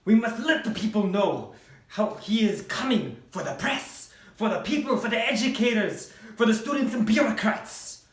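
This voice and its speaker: Man acting an impassioned activist, high urgent declaiming. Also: lively intonation, normal speed, roomy sound. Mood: defiant. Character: impassioned activist rallying people against a dictatorship. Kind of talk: dramatised historical speech.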